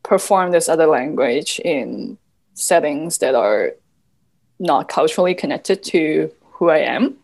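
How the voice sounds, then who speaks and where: A Cantonese-native woman with a deep voice and lively intonation talks a little slowly as a podcast guest. In this reflective conversation she is thoughtful and soft-spoken, often saying "like" and laughing quietly.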